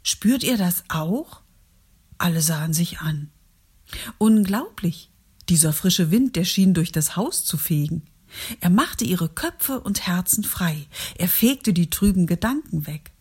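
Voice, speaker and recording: A woman from a church congregation telling a Bible story to children, gently and warmly. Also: lowish voice, expressive, a little slow. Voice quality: breathy. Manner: gentle, warm reading to children.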